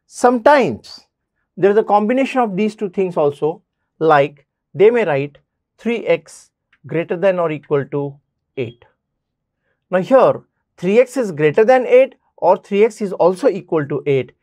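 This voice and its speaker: A man's voice: high-pitched, animated, measured pace, a little mellow, no echo. A man teaching a basic math lesson. He addresses students directly and repeats key points.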